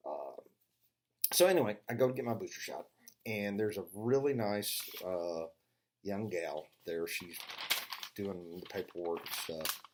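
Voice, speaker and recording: A man's voice: sits low, animated, a little slow, long pauses, darkish tone. An older man telling funny stories in a casual, rambling monologue, full of "uh" fillers and restarts, sarcastically acting out both sides of a conversation. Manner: sarcastic storyteller who acts out both sides of a dialogue. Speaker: vlogger.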